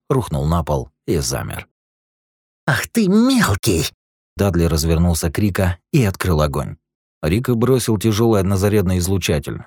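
A man narrating an action audiobook in a steady storytelling manner. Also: deep voice, breathy edge, no room sound, studio quality.

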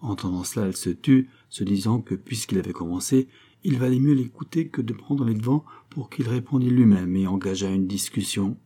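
Guy narrating an old novel, steady, dark mellow voice, kinda low. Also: a little fast. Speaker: audiobook narrator. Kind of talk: reading a classic novel aloud.

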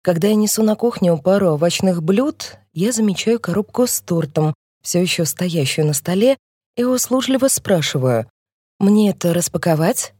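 A woman reading a novel aloud in the first person, with gentle, even storytelling, close to the microphone. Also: lowish voice, normal speed, husky, no room sound. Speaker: audiobook reader.

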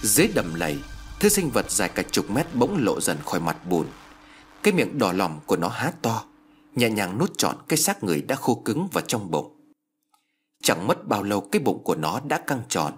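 A man's voice: on the low side, sing-song, normal speed. A man narrating a horror story in a scripted, dramatic storytelling style.

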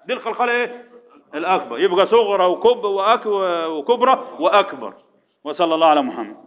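A man with an Egyptian accent teaching Quran recitation rules to a class, firing quick repeated questions at students and chanting verses slowly. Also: high voice, sing-song. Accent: Egyptian Arabic. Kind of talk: classroom tajweed lesson. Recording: echoey hall, dull lo-fi sound.

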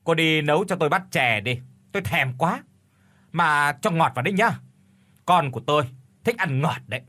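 A man's voice: on the high side, expressive, moderate pace, pushed and bright, voice pushed up. A man voicing a spoiled, cruel pregnant wife who whines and screeches orders. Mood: demanding. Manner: whiny, bossy, screeching.

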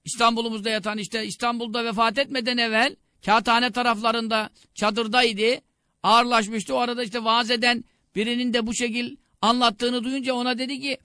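A man's voice: extremely high pitch, bright, forceful tone, dry recording, studio quality. A man preaching a religious sermon, urging listeners with rising emphatic exhortations.

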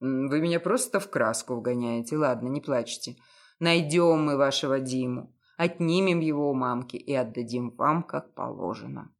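A woman voicing a cynical, self-assured male private detective who talks down with mocking calm. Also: very deep voice, voice pushed down. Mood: mocking lecture. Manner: mocking, condescending, unhurried.

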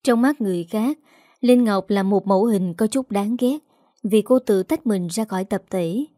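Mellow woman narrating a story. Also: mid-range voice, normal speed, no echo, studio quality.

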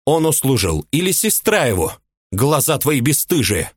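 A man's voice: medium pitch, very animated, normal speed, breathy edge, no echo, voice pushed up. A jealous young widow shrieks her accusations in a raised, swooping voice, as a man reading an audiobook puts her on. Her scolding tips toward tears. The sound is close and dry, with no room around it. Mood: accusing. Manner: shrieking, scolding, tearful reproach. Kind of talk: audiobook character voice.

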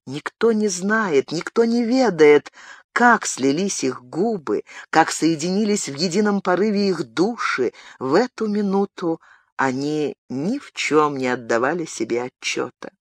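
An audiobook narrator reading a romantic novel in a measured, expressive way at a close studio microphone. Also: medium pitch, no room sound. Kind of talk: scripted literary narration.

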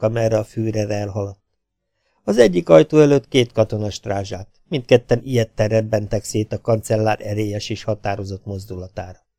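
A man with a Hungarian accent narrating an audiobook in an even, measured reading. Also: lowish voice, vocal fry, dry recording, studio quality. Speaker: audiobook reader.

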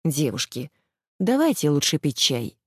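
A woman voicing a calm, commanding female detective who speaks in a measured, conciliatory way. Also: low voice, husky, no room sound, clean studio sound, heavily acted.

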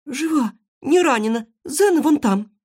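Very high, squeaky young female guinea pig, eager and gushing. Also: animated, unhurried, darkish tone. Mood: urgent. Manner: squealing, exclaiming, breathless delivery.

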